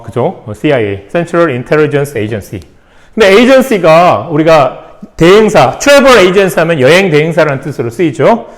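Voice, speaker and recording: A man teaching English vocabulary in Korean, spelling words out letter by letter and asking rhetorical questions with playful asides. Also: a little high. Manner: playful asides and little jokes. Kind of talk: classroom-style vocabulary lesson.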